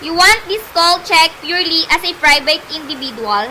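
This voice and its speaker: A woman's voice: very high-pitched, lively intonation, moderate pace, pushed and bright, heavily acted, poor audio. A woman playing a cool, officious telephone operator with a formal, detached manner in an amateur radio play. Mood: formal, official. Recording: faint background noise, amateur home recording.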